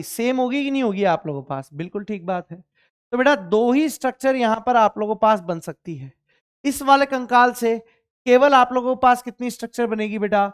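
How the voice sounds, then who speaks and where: A man's voice: extremely high pitch, smooth. Man teaching, repetitive question style. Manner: repeats each point and asks students questions, answering them himself; speaks for the student too, addressing himself as sir. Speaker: chemistry teacher. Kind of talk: classroom-style lecture.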